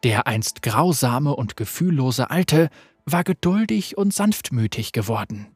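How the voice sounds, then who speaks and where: A narrator reading a dark fantasy story aloud in a measured, dramatic way. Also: mid-range voice, expressive, husky, no echo, clean studio sound, soft background music.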